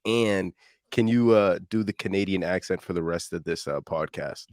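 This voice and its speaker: A man with a low voice co-hosting a casual podcast, speaking bluntly and joking around. He often stumbles over hesitant starts. The sound is dry and close. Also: moderate pace, a little mellow, no echo. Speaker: podcast co-host.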